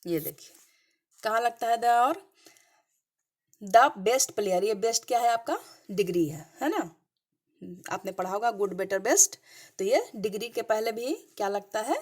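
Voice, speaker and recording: A woman teaching a grammar lesson over slides. She keeps asking the class questions and then answers them herself. She checks in again and again with short "clear?" and "okay" prompts. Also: mid-range voice, expressive, moderate pace, long pauses.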